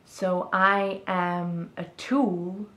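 This young woman from Sweden, a vlogger, thinks aloud to the camera in her accented second-language English while sitting on a bed in a small indoor room, pausing to find words and gesturing as she talks. Her lowish voice stays level, stretching out words with a fairly bright tone in an echoey space.

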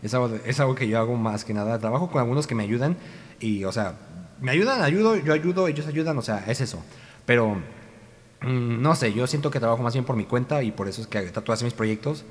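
A man's voice: medium pitch, expressive, fast, long reverb tail. A young man with a Mexican Spanish accent, an amateur voice actor rambling in a casual, self-correcting vlog chat on a cheap home microphone.

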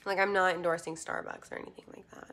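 A young woman with vocal fry, chatting casually on a livestream and answering comments haltingly into a handheld phone. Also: lowish voice, level tone, a bit bright. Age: young adult. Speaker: livestream host and model. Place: small bedroom, indoors. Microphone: phone at arm's length.

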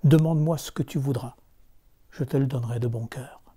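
A man's voice: medium pitch, fairly quick, slightly rough, lightly acted. A man voicing a kind, gracious magical golden fish in a storybook reading. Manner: gentle, gracious.

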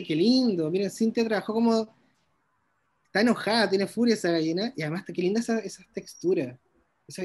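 A man's voice: sits high, mellow. A man teaching an illustration workshop over a video call, praising students' drawings with lots of enthusiasm and frequent restarts.

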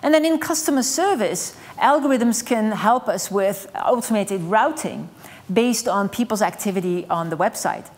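A woman's voice: mid-range voice, moderate pace. A middle-aged woman delivering a conference keynote on a studio stage, explaining with energy and the odd "um". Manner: energetic, gesturing, explanatory with light fillers. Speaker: keynote speaker. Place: stage in a dark studio with large screens.

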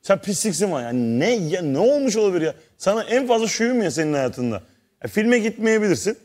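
A man's voice: high-pitched, sing-song, a little fast, a little mellow. A man chatting on a talk show, animatedly telling stories and acting out the messages he gets. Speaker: comedian guest. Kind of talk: casual talk-show chat.

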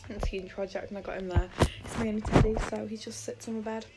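A woman's voice: medium pitch, little pitch movement, fast, vocal fry, very noisy. A young woman talking casually to camera in a rambling, self-deprecating vlog about her day. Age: young adult. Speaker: vlogger. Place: at home, then outdoors.

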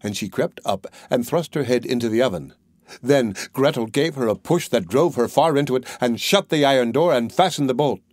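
A man's voice: medium pitch, fairly quick, darkish tone, no echo. Man reading a fairy tale, dry sound. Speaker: audiobook narrator. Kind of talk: scripted storybook narration.

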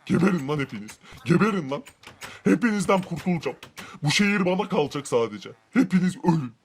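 A man playing an arrogant rich man in a Minecraft role-play, who boasts about his wealth, gloats, and shouts cruel threats. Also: a little high, animated, a little fast, a little hiss or hum. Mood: furious threatening.

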